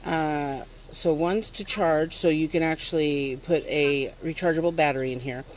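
Her voice sits low, steady in tone and at normal speed, as this mother and toy review host does an informal unboxing on a wooden step beside a house. Talking into a handheld phone or camera held close, she pieces together her explanations along the way, and the outdoor recording is noisy.

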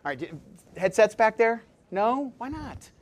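Lively man presenting a live seminar. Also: high-pitched, a little slow. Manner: lively, jokey, quizzes the audience. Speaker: presenter at a dental practice seminar. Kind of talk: live seminar talk to an audience.

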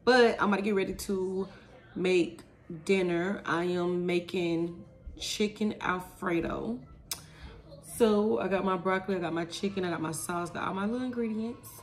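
Filming herself on her phone, handheld or propped up, a young mother of five chats casually with viewers about her kids in her home kitchen and pantry, indoors. Her voice is mid-range at a moderate pace, and she's chatty and confiding, calling viewers y'all.

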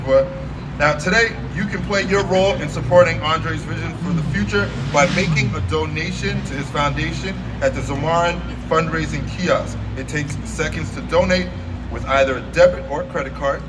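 Male event MC, slightly high voice, informal podium speech outdoors, recorded with loud background noise. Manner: informal, joking, addressing a crowd. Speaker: master of ceremonies. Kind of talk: public ceremony speech with casual asides. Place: outdoor stage, recorded from back in the audience. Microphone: podium microphone, picked up by a distant camera. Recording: distant, very noisy outdoor audience recording.

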